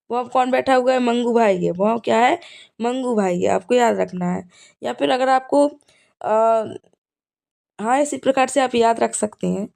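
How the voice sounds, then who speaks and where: This exam revision lesson comes from a woman teacher with a fairly high, creaky voice and darkish tone. She teaches memory tricks, goes over key points repeatedly, and checks in with the listener using "ठीक है."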